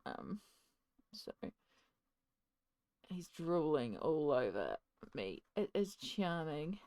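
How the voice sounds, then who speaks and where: Woman art host, low-pitched, casual step-by-step chatter at a desk mic, dry and close. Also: sing-song, drawn-out words, a little mellow, no room sound. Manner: chatty, narrates each step while working; talks one-handed with a cat in her lap. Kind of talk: casual narration while colouring. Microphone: desk microphone.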